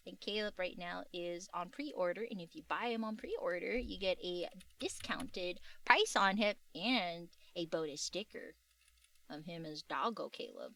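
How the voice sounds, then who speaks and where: A woman chatting casually on a livestream in a cute, gushing anime-streamer way, with slangy, expressive exclamations. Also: lowish voice, a little slow, vocal fry, no echo. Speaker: VTuber artist and livestreamer.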